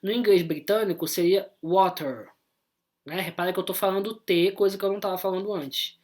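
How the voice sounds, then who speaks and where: A woman with a Brazilian Portuguese accent, explaining an online English lesson in a chatty way and tagging her sentences with quick checks to the class. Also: mid-range voice, steady tone, darkish tone. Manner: chatty, explanatory, constant "né?" and "tá?" tags. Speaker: English teacher.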